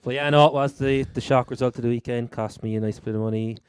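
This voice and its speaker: A man's voice: mid-range voice, steady tone, fast, darkish tone, clean tone, dry recording, clean studio sound. A man with a Cork Irish accent co-hosting a casual sports chat in a blunt way. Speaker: sports podcast co-host. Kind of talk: casual American football chat.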